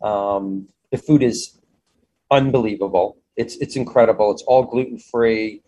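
A man's voice: lowish voice, steady tone, measured pace, warm tone. A man speaking as an interview guest about his own business in an enthusiastic, effusive, conversational way.

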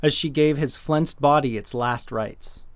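Man narrating a dark fable. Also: medium pitch, a little slow, no room sound. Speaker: writer and narrator. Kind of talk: scripted storytelling narration.

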